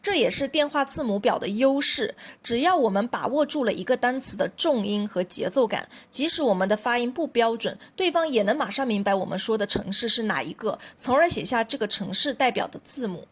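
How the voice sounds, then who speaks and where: A woman's voice: fairly high pitch, lively intonation, a little fast, hardly any pauses, slightly rough. A woman language teacher with a Mandarin Chinese accent, patiently explaining a lesson in careful steps.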